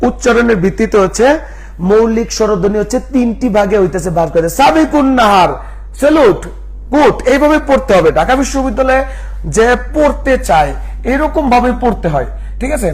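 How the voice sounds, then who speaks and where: A man's voice: very high voice, expressive, fairly quick, a little mellow. A young man teaching a live online class, asking the same questions again and again. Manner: repetitive questioning.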